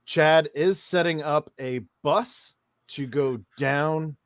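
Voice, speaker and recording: A man hosting a casual sports podcast, steering the talk from topic to topic in a relaxed, conversational way. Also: a little high, slow, smooth, dry recording, studio quality. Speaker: podcast host.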